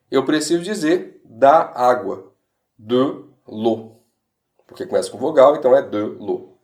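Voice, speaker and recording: A man with a Brazilian Portuguese accent explains French grammar in an online lesson, slowing down to pronounce each example clearly. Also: on the high side, darkish tone. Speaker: French teacher.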